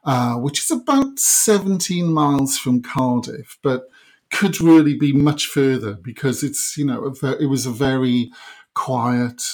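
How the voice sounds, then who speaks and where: A man's voice: mid-range voice, expressive, a little slow. Male interviewee, middle-aged, Welsh Valleys accent; reflective, hesitant conversational delivery. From South Wales Valleys. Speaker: interview guest.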